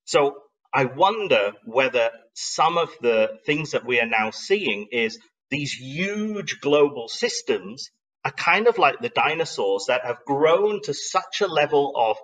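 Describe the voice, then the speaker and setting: This middle-aged man's mid-range voice is animated, a little slow, and fairly bright as he delivers a live online slide talk. His manner is conversational and explanatory, thoughtful and emphatic, with many rhetorical questions. A distant mic gives a rough recording.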